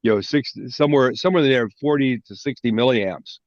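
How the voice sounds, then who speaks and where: A man's voice: medium pitch, quick pace, dry recording. A man hosting a hobby meetup, chatting casually on a video call and telling stories with frequent restarts. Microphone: video call microphone. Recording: dull lo-fi dry call audio.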